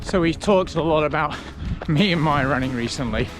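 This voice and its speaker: Higher-voiced man chatting casually, music behind. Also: normal speed. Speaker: running vlogger. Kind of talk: casual vlog talk to camera.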